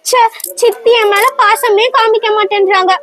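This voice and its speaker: A woman's voice: very high-pitched, fairly even intonation, normal speed, fairly bright tone. A woman voicing a neglected young girl who pleads and whines tearfully in a comedy skit. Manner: plaintive, whiny pleading.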